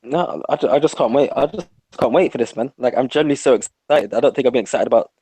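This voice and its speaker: A man co-hosting a casual podcast, excitable and jokey. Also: mid-range voice, fast talker, breathy edge, dry recording, poor audio. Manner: excitable, jokey, talks with a laugh. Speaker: podcast co-host. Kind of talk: casual chat.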